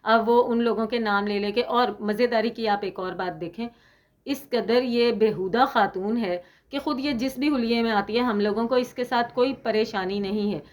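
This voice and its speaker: A woman's voice: on the high side, normal speed. A woman from Pakistan giving an opinionated commentary monologue as a YouTuber, indignant and sarcastic, scolding with emphasis.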